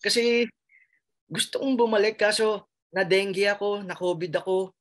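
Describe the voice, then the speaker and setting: A man's voice: sits high, moderate pace, fairly bright tone. A Filipino man with a Filipino accent, a nurse telling his story in an emotional interview, earnest and full of restarts and fillers, often calling the host sir. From Philippines. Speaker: interviewee, nurse who passed the licensure exam.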